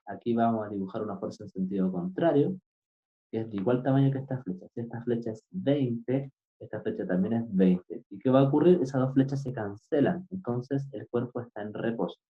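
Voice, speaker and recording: A man teaching physics, explaining a problem step by step and often pausing to ask his students if they follow. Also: mid-range voice, warm tone. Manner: keeps asking "right?" to check understanding; patient, step-by-step. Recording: dull lo-fi recording.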